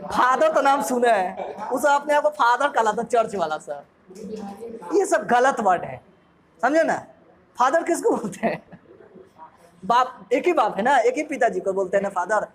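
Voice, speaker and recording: A man's voice: very high voice, lively intonation, measured pace, pauses often, a bit bright. A man from Bihar with a Bihari accent, a coaching teacher running a jokey quiz revision and quizzing his class. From Bihar, India. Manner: jokey, asks the class questions. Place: classroom full of students. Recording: noisy crowded classroom. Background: students in the room.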